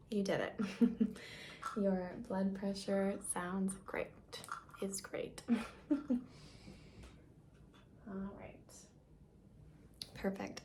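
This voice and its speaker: A woman performs an ASMR role-play as a kind, reassuring doctor. Her soft voice is mellow and breathy, often dipping into vocal fry. A faint hiss sits behind her. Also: mid-range voice. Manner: soft-spoken, gentle, reassuring, soft-spoken. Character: caring, reassuring female doctor giving a check-up.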